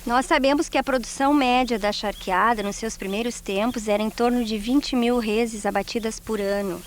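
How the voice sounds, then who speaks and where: A woman's voice: a little high, moderate pace. A woman with a Brazilian accent explaining history in an interview, informative and tagging sentences with questions. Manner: informative, with tag questions and self-corrections. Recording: interview with clear music behind.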